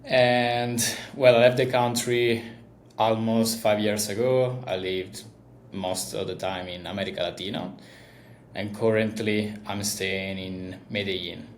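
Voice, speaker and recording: A man with a strong Italian accent, chatting casually as an interview guest, relaxed and full of fillers. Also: lowish voice, a little slow, echoey room, a little hiss or hum. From Italy. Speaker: guest, agency founder.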